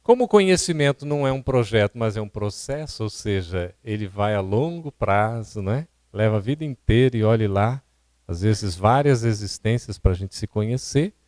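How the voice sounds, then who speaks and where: A man's voice: fairly low pitch, lively intonation, normal speed, darkish tone, dry recording. A Brazilian man teaching a seminar on public speaking, explaining points and asking the audience questions. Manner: didactic, asks the audience questions. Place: seminar hall at a spiritist centre.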